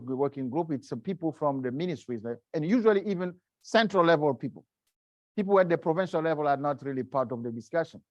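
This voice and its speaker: A middle-aged man, a guest speaker, answering seminar questions in a halting way, often searching for words. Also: fairly high pitch, a little mellow, dry recording, lo-fi sound. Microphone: video call.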